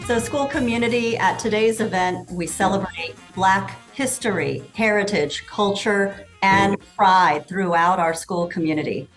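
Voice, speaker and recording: Slow, measured woman giving a formal welcome. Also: medium pitch, soft background music, low-quality recording. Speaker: school CEO welcoming the community. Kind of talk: scripted welcome remarks.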